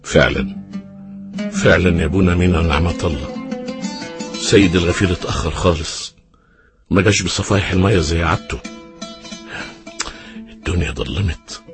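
A man with an Egyptian accent acting a serene, devout, fatherly old monk who speaks with gentle reassurance in a religious drama. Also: low voice, brisk, pauses often, over music, natural voice. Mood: concerned.

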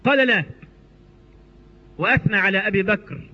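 A man with an Egyptian accent preaching a sermon, animated and storytelling, with asides to the listeners, in a muffled recording with long hall reverb. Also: extremely high pitch, quick pace. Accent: Egyptian Arabic.

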